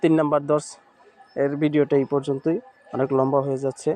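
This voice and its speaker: A man teaching Quran reading in an online lesson, patiently spelling out Arabic letters and repeating words slowly. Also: medium pitch, little pitch movement, dark tone, no echo. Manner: Arabic letter names in Bengali speech.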